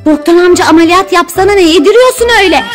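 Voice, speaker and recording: A woman's voice: extremely high pitch, racing. A woman, a mother, narrating her children's doctor play in a coaxing, teasing way. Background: background music.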